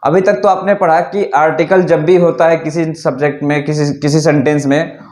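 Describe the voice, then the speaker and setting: A man teaching an English grammar lesson, explaining rules slowly and repeatedly while asking his students questions. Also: on the high side, flat delivery, darkish tone, echoey room.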